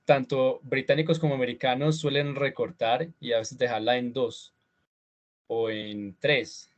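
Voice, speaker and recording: Male teacher on a dull video call. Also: mid-range voice. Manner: switches to slow, drawn-out model words and repeats them; relaxed, chatty teaching with fillers and small laughs. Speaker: English teacher. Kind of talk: online class on pronunciation. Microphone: computer mic on a video call.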